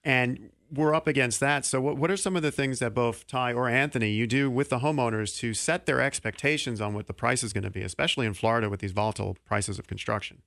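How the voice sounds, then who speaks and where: A man in his thirties hosting a local radio talk show in a small studio, speaking into a studio mic with quick, joking delivery. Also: mid-range voice, creaky, a bit bright, dry recording. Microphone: studio mic on boom arm.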